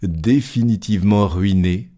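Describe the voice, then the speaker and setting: A man narrating an audiobook of a classic novel, with measured, lightly dramatic storytelling. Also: lowish voice, mellow.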